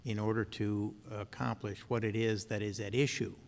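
A man questioning from the bench as a judge, in formal, deliberately worded sentences. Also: fairly low pitch, level tone. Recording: long hall reverberation.

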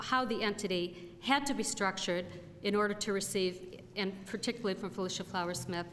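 A woman's voice: medium pitch, a bit bright. A woman attorney delivering a formal oral argument in court. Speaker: attorney giving rebuttal. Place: large courtroom. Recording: reverberant hall with faint noise.

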